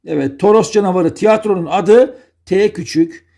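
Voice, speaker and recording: A man's voice: sits high, normal speed, vocal fry, dark tone. A man from Denizli teaching a grammar lesson in a playful way, repeating key words and spelling out rules. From Turkey, Denizli.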